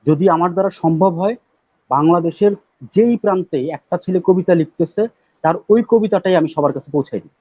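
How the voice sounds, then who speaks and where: A man speaking as a guest poet on a live talk show, loud and emphatic, repeating words for stress. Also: high-pitched, a little fast, no room sound. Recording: dull, dry lo-fi audio.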